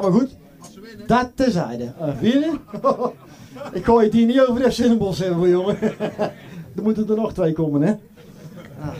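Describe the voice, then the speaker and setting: High-voiced Brabant carnival comedian. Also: male voice, mellow. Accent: Brabant Dutch. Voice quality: chatty, joking, rambling with many fillers. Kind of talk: carnival stand-up in character as a doorman.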